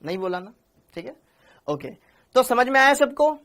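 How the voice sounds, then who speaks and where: A man's voice: extremely high pitch, sing-song, normal speed, fairly bright tone. Chatty Hindi-speaking male chemistry teacher. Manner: chatty, calls students beta, repeats answers. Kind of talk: live online class.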